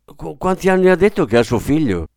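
A man's voice: on the high side, big pitch swings, a little fast, creaky, a little mellow, no echo, studio quality, voice pushed up. A man voicing a curious, startled shop clerk who is polite and stammers a little.

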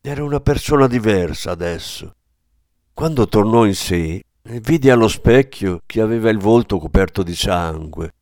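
A man reading a novel aloud as scripted narration, measured and steady. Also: fairly low pitch, dry recording, studio quality. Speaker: audiobook reader.

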